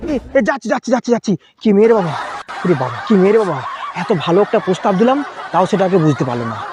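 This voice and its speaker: Young man for a comic sketch, high-pitched and wheedling, outdoors with street noise. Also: big pitch swings, rapid-fire. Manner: pleading and whiny, then grumbling. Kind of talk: sketch comedy, playing several parts.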